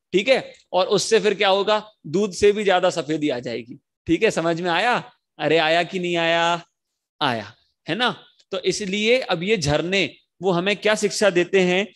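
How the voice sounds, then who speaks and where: A young man teaching an online religion class to children, coaxing them to repeat lines and chanting verses slowly over a video call. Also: high-pitched. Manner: animated, coaxing kids to repeat lines aloud.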